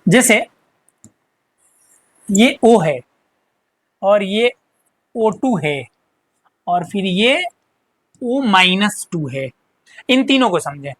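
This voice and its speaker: A woman teacher giving a chemistry lesson, who asks and answers her own questions and repeats key terms slowly. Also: medium pitch, animated, dry recording.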